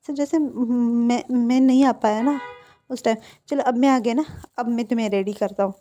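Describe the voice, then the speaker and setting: A cheerful young man, as a woman puts him on, coaxes his friend in an upbeat way. The voice stays mellow and fairly high, close to the narrator's own. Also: steady tone, moderate pace, close to an everyday voice. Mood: coaxing.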